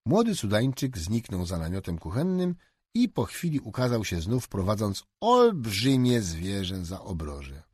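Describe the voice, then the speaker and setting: A man narrating a storybook slowly and expressively, with a lively intonation, recorded close on a studio mic. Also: lowish voice, slightly rough, no echo. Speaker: audiobook narrator.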